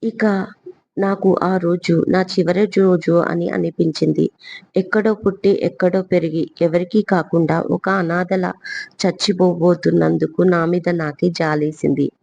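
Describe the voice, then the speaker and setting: A woman's voice: lowish voice, steady tone, normal speed, creaky, warm tone, breathy edge, dry recording, muffled recording. A woman voicing a spirited, teasing young heroine. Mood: sorrowful. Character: lively young woman heroine, playful and bold.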